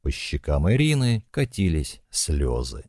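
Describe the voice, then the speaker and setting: A man narrating an audiobook in an expressive, dramatic reading. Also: extremely low pitch, unhurried, husky, dry recording, studio quality.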